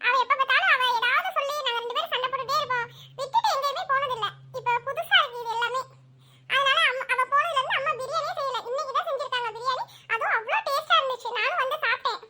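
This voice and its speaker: A woman voices a chatty young cartoon daughter, affectionate and lively. She speaks high, bright and fast. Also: full character voice.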